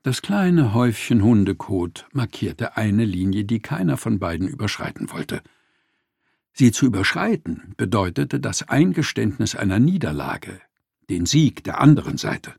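A man tells a story in scripted narration, expressive with a wry edge. His voice is gravelly and husky, and his pitch moves animatedly through each sentence. The recording is dry, with no room sound. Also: unhurried, no echo.

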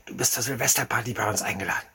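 A man's voice: medium pitch, very fast, slightly rough, voice pushed up. A man whispering as a jittery secretive party host. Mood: conspiratorial. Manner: conspiratorial hushed whisper. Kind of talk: whispered role-play.

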